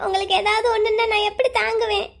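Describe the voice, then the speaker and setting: A woman's voice: very high voice, little pitch movement, fast talker. Woman voicing an anxious young pregnant wife. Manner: pleading, earnest. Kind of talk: cartoon voice acting.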